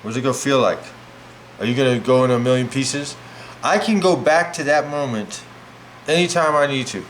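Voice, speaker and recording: There's a bit of hiss or hum as a mid-range male voice moves at a moderate pace through a casual, rambling personal story. The middle-aged speaker is preparing food at home, animated and full of "like" fillers.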